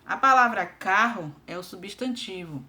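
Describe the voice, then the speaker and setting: A woman's voice: mid-range voice, measured pace. A woman teaching an online grammar lesson, patiently spelling out examples and checking in with her students often.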